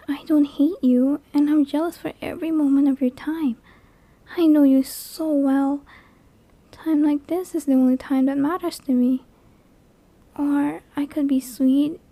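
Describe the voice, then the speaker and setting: A woman plays a clingy, lonely sleep paralysis demon for an ASMR roleplay, her high voice breathy, soft and frequently near a whisper. She sounds hesitant and intimate, captured up close on a dry mic with no room sound.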